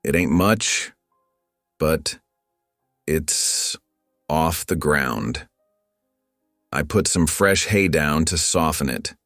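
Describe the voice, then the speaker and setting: A man voicing a quiet, kind, plain-spoken frontier mountain man who talks in short, drawling phrases. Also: a bass voice, drawn-out words, long pauses, no room sound, studio quality, faint music behind, heavily acted. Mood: plain, gentle. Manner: laconic, drawling plain talk.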